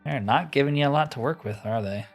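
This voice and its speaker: Over faint background music, a man delivers casual commentary on a fantasy roleplay game, musing aloud in a wry, conversational way. His voice is medium-pitched and his pace quick.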